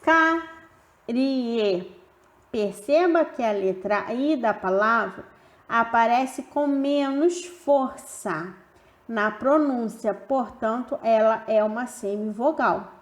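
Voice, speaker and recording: A woman gives a grammar lesson in a high, clear voice. She talks slowly and stretches out the example words. The room around her rings with echo. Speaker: teacher. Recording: roomy echo.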